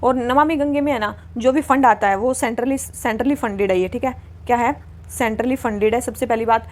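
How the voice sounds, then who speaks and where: Chatty woman teacher, higher voice. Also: a little slow. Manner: chatty, repeats key points, asks questions. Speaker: exam prep teacher. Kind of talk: explaining quiz answers, mixing Hindi and English.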